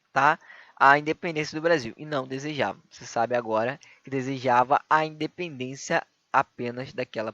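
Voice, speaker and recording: A man's voice: fairly high pitch, sharp tone, no echo, lo-fi sound. A man with a Brazilian Portuguese accent teaching a recorded history lesson for exam prep, explaining step by step, asking himself rhetorical questions and adding tag questions.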